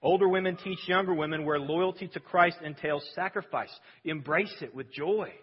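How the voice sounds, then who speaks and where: A man's voice: fairly high pitch, moderate pace, slightly rough. Earnest preacher man in a reverberant hall. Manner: earnest, emphatic preaching with sudden quiet drops. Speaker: pastor. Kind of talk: sermon. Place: large church sanctuary. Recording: dull lo-fi sound with long hall reverb.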